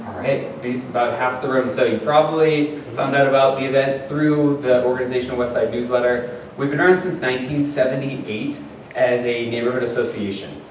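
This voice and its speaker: A man's voice: medium pitch, moderate pace. A man leads a neighborhood town hall in a loose, conversational way, full of "um" and "you know." His voice rings through a very echoey room. He is picked up from some distance, with faint noise under it. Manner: conversational, many fillers. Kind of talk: public meeting address. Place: community meeting room.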